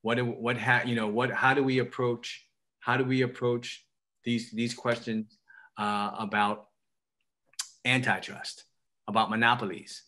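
A middle-aged man with a Queens, New York accent, speaking as a legislator on a group call in a halting way, repeating phrases and posing questions. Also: mid-range voice, little pitch movement, pushed and bright. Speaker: state legislator, guest speaker. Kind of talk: prepared remarks on a group call. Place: indoor room at home, on a video call.

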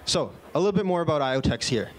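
Racing along with lively intonation, a man in his thirties with a slightly high voice delivers an upbeat product keynote. He uses a handheld mic on a conference stage in a large indoor event room, with some fillers and restarts.

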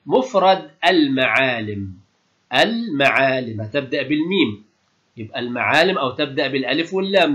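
A man teaching a reading lesson, patiently praising pupils and reading words out slowly and clearly. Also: mid-range voice, a bit bright, muffled recording. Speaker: Arabic teacher. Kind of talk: classroom lesson explanation.

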